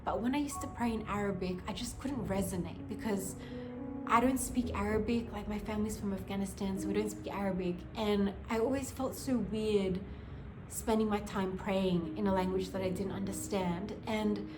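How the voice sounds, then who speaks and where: A woman's voice: mid-range voice, steady tone, normal speed. A young woman from Australia, telling her life story to camera in a casual, earnest way, full of "like" fillers. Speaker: vlogger. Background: music.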